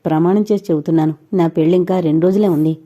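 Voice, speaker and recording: A woman's voice: fairly low pitch, fairly even intonation, quick pace, mellow, natural voice. A woman voicing a weepy young woman resigned to her fate, in an audio novel. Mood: tearful. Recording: dull lo-fi recording.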